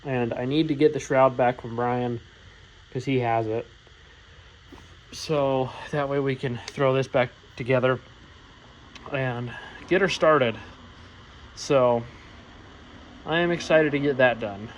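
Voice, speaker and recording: A relaxed man talks through where his car build stands, listing parts and jobs in a loose, meandering way. His voice sits at an ordinary middle pitch, and a faint hum of background noise sits under it. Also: takes it slowly, pauses often. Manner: rambling, lots of fillers, easygoing. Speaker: vlogger working on his car. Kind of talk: casual project update.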